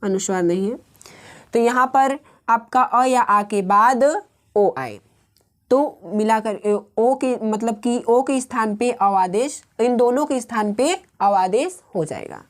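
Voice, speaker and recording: A woman with a slightly high voice teaches grammar at a patient, measured pace. She repeats each rule and pauses often as she walks through the examples. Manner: patient, slow and repetitive, pausing often. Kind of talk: explaining grammar rules step by step.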